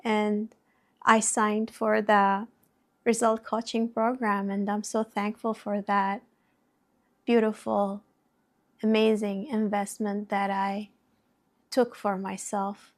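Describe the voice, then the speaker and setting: A woman vlogger slowly telling a personal story in reflective, heartfelt non-native English. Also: medium pitch, level tone.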